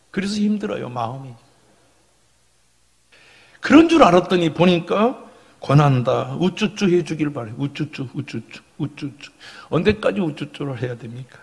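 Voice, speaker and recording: A male pastor preaching a sermon, swinging between loud calls and soft asides. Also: high-pitched, very animated, normal speed, gravelly, pauses often, big-room sound. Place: church sanctuary.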